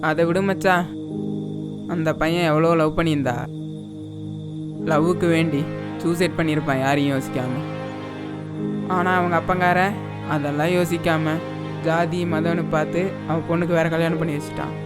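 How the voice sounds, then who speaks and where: A man's voice: on the high side, level tone, normal speed, pauses often, close to an everyday voice. A man playing an offhand young man who brushes off his friend's fears. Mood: earnest. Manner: dismissive, casual. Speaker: roommate. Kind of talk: short film acting. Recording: film soundtrack with loud music. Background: film score.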